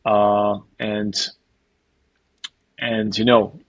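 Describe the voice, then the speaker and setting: A man with a Hungarian accent talks through his coaching views as an interview guest. His voice sits low and stays flat in pitch, and the sound is close and dry. He stops and restarts a lot, filling gaps with "you know". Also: no room sound, muffled recording. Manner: halting, full of "you know" and repeated words. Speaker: basketball coach. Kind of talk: podcast interview answers.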